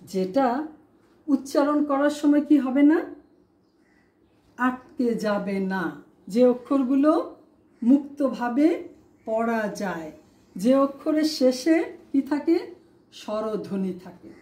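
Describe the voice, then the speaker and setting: A woman's voice: high-pitched, animated, slow, long pauses, dark tone. A woman teacher giving a classroom lesson, asking her students rhetorical questions and spelling words out syllable by syllable. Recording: echoey room.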